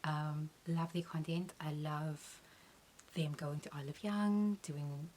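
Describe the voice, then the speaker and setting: Answering questions from her viewers, a young woman who makes beauty content speaks in a low, even voice. She is earnest and measured, dropping an "um" now and then between points, and a faint hiss runs beneath the audio.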